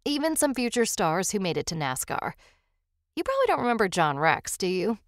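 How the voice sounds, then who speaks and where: A woman's voice: medium pitch, sing-song, fairly quick, no echo, clean studio sound. A woman voicing a talkative small-town father who rambles folksily through his racing memories. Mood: reminiscing. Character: chatty small-town father recalling old racing days.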